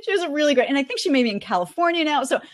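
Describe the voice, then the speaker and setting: A woman's voice: sits high, racing. Chatty woman recapping conference talks. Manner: chatty and animated, with frequent fillers and laughs. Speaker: guest reporting on a marketing conference. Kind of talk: casual podcast chat.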